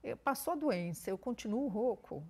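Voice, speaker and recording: A woman working as a speech therapist explains voice care in interview answers, speaking at a steady, measured pace. She sticks to plain, practical examples in a calm teaching tone, and her voice is a little high with a breathy edge.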